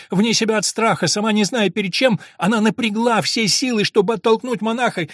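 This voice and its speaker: A man narrating an audiobook in a dramatic, expressive reading, close to a studio mic. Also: sits high, dry recording.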